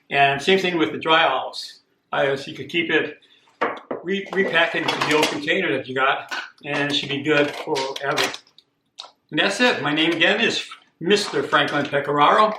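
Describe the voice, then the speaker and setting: Older man, from Costa Rica, home cooking demo, unhurried, roomy kitchen echo, noisy background. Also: fairly high pitch. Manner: plain, unhurried, repeats himself. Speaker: cooking demonstrator. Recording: echoey kitchen with clear background noise.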